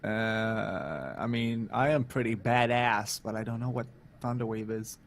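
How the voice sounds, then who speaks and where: A man's voice: on the low side, a little slow. A man chatting and joking casually as a player in a tabletop game. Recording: clear background noise, room ambience.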